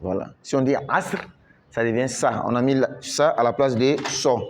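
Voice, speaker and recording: A man with a medium-pitched voice teaches Quran recitation in French over slight background noise. He goes slowly and patiently, repeating each word many times and drawing out the recited syllables.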